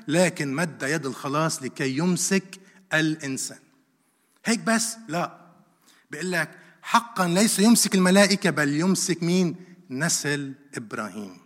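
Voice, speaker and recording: Male preacher, fairly high voice, animated sermon full of rhetorical questions, hall reverb. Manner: animated, rhetorical questions, repeats verses for emphasis.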